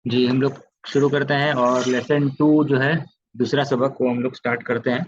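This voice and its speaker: A man's voice: mid-range voice, flat delivery, normal speed, muffled recording. Patient male Arabic grammar teacher. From India. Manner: explains patiently, often checks understanding with "ठीक है". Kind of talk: online class lecture.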